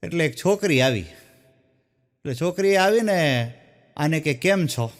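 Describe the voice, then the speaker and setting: Comedian telling jokes in a reverberant hall. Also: male voice, animated, slow. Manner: folksy storytelling, drops low for quoted characters. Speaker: stand-up comedian. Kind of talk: joke telling on stage.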